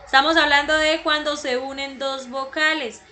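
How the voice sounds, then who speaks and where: A woman teaching an online class over a video call, repeating words slowly and clearly. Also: sits high, fairly even intonation, bright, forceful tone. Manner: slow, repeats words syllable by syllable.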